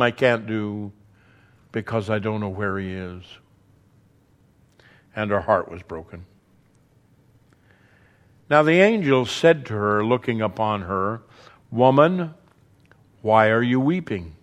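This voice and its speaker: A man preaching a sermon, earnest, building emphasis through repetition and dropping softly on key words. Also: mid-range voice.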